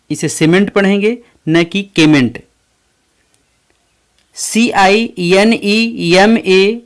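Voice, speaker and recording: Male teacher, slow spelled-out words, unhurried pace, crickets behind. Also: sits high, clear, resonant tone. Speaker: English teacher. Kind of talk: explaining English pronunciation in Hindi.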